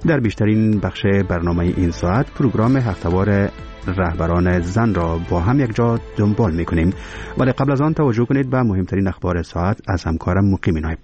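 A man's voice: sits low, lively intonation, darkish tone, dull audio. A man with an Afghan accent presenting a radio programme in a formal, scripted style. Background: music.

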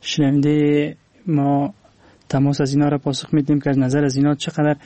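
A man with an Afghan Dari accent hosting a radio phone-in, politely questioning callers in halting phrases. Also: a little high, completely flat delivery, warm tone, no room sound. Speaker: radio call-in show host.

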